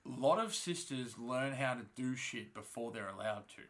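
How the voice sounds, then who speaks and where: A man chatting casually in an animated, slangy, sweary way, with lots of filler words like "um", "like" and "you know". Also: mid-range voice, moderate pace. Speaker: co-host of a fan discussion show. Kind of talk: casual chat recapping a fantasy TV series.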